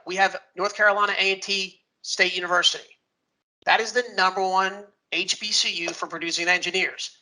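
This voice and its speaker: A man with a gravelly voice presenting slides informally at an event, in a folksy, emphatic way. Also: sits high, bright, forceful tone, low-quality recording. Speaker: presenter and moderator of a launch event.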